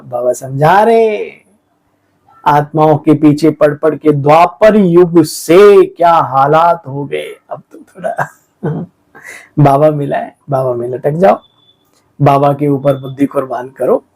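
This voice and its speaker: A man giving a lively spiritual sermon, exhorting his listeners and often calling them sweet children. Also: fairly high pitch, slow pace, poor audio. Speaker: spiritual teacher explaining the daily murli.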